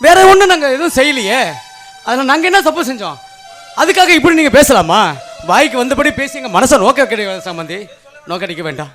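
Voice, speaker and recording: A man playing a worried high-voiced father. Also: fairly bright tone. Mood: defensive. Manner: pleading, reasoning. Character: worried middle-aged father pleading with family. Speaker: father of the groom. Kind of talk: family drama acting.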